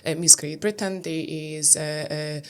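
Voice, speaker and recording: A woman's voice: low voice, steady tone, slow pace. A woman in her thirties from Lithuania with a Lithuanian accent, speaking English as a second language in an interview, hesitant with many fillers. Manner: hesitant, many fillers, non-native grammar. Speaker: guest, pageant titleholder. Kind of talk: interview answers.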